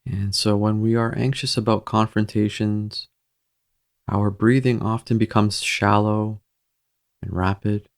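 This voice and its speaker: Leading a guided meditation, a man speaks gently and soothingly at a measured pace, leaving pauses between phrases. His pitch is fairly low and his delivery flat.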